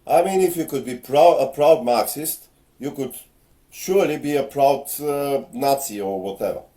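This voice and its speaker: A man's voice: medium pitch, moderate pace, warm tone. A man from Bulgaria, a little tipsy, ranting earnestly and lecturing at home, with hesitant fillers. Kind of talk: casual on-camera rant. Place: home, in front of a ring light.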